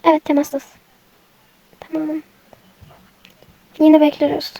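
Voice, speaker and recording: A woman voicing a weary, polite female cashier in a toy game role-play, speaking formally and quietly. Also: completely flat delivery, slow pace, noisy background. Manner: polite, formal, low-key.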